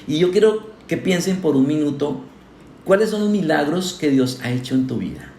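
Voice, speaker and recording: A man's voice: on the high side, animated, normal speed, vocal fry, darkish tone, slight background noise. Man preaching in an echoey hall. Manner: earnest, addresses the congregation with questions. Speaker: pastor. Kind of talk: sermon. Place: church hall.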